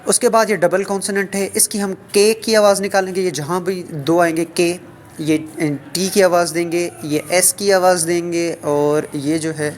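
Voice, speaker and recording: A man with a Pakistani Urdu accent giving a casual lesson, writing on a board while he talks. He counts aloud and repeats each letter name slowly. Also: sits high, slight background noise. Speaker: language teacher.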